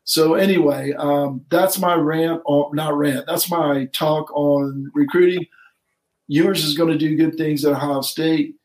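A man's voice: a little high, steady tone, a little slow, a little mellow. Chatty man in an echoey room. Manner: rambling, self-correcting. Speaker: podcast co-host. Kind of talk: casual sports chat.

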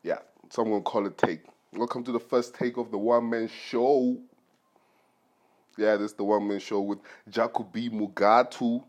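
Man, low voice, solo podcast host, casual rambling monologue, joking, slangy. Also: fairly even intonation, moderate pace.

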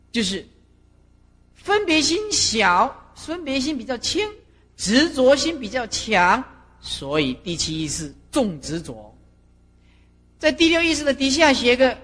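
A middle-aged woman, a Buddhist master lecturing monastic students and telling stories with lively acted-out scenes. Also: a little high. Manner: animated storyteller who acts out scenes. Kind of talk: doctrinal lecture with personal stories. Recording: reverberant lecture hall.

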